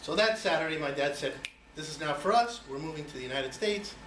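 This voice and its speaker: This voice is a little high, expressive and slightly fast. It belongs to a Cuban-born man in his forties giving a chatty icebreaker speech to an audience, peppered with you-knows and rhetorical questions, recorded from afar in an echoey, noisy space.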